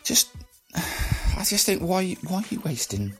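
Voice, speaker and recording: A man with a croaky morning voice, talking casually and conversationally as a solo podcast host. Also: high voice, sing-song, takes it slowly, soft background music. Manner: conversational, rhetorical questions.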